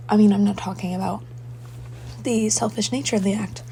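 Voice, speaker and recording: Young woman, hazy halting dream recounting. Gravelly fry, breathy, mellow tone, noticeable background hum. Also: medium pitch, low-quality recording. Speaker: dream diarist. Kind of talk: casual personal dream recounting.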